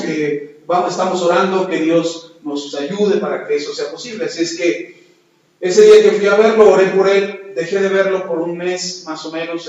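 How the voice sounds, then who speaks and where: A man's voice: sits high, darkish tone. A man, a pastor, telling a testimony in a sermon and acting out the dialogue. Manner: storytelling, acts out dialogue. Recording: very echoey, distant, dull sound.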